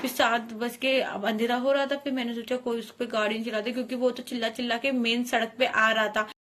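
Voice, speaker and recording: A woman's voice: fairly high pitch, little pitch movement, fairly quick, a bit bright. Earnest chatty woman vlogger. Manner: earnest, chatty, addresses viewers as guys. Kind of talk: casual storytelling to camera.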